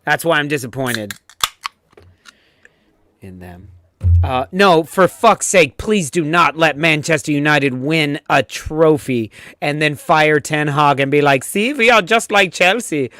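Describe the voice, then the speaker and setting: A man co-hosting a casual football chat, blunt and quick to swear. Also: on the high side, fairly bright tone, no echo. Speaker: podcast co-host.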